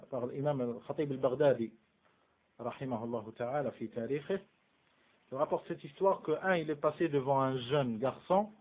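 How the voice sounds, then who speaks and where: A man giving a casual religious lesson, asking his students rhetorical questions and mixing in Arabic terms. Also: mid-range voice. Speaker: Islamic studies teacher. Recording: phone-like narrow band.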